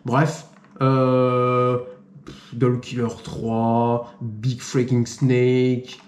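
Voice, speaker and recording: A man's voice: medium pitch, completely flat delivery, very slow, a little mellow. Rambling man in an echoey room. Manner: rambling, many fillers and restarts, swears casually. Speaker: YouTube host. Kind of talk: casual video commentary.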